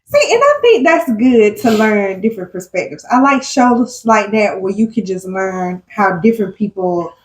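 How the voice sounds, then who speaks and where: A woman in casual talk-show chat, giving short reactions and calm, thoughtful comments. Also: mid-range voice, normal speed, hardly any pauses, rough recording. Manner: brief reactions, then calm reflective comments. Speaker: co-host.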